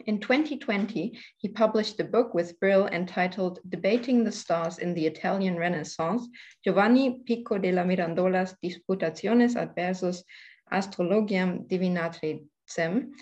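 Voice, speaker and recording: A young woman hosting an academic podcast, reading a measured, formal introduction and asking questions. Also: lowish voice. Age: young adult. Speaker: podcast host. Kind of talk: scripted introduction and interview questions.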